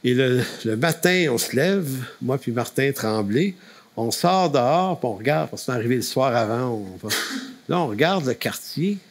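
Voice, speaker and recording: A man with a Quebec French accent speaks to a camp, telling a faith story in a folksy way. He restarts phrases often, in a voice of middle pitch. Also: lively intonation, normal speed, a little hiss or hum. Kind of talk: storytelling testimony.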